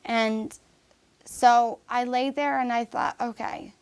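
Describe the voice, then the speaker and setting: A woman guest in a podcast interview telling a personal story in an earnest, measured way, with fillers and many restarts. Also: a little high, fairly even intonation, clean tone.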